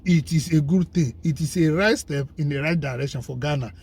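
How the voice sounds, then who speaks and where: Here a male guest commentator talks a little fast in a fairly high voice that carries vocal fry, a breathy edge, and a somewhat dark tone. His conversational style is emphatic and persuasive, built on lists and rhetorical questions.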